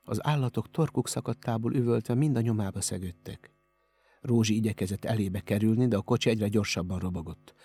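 A man narrating an audiobook in a steady storytelling manner. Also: fairly low pitch, slightly rough, faint music behind. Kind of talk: scripted narration.

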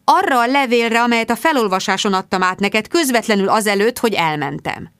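A woman voicing an earnest, awkward grown man who speaks softly and hesitantly in a slightly lowered voice. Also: expressive, clear, resonant tone, no room sound, studio quality.

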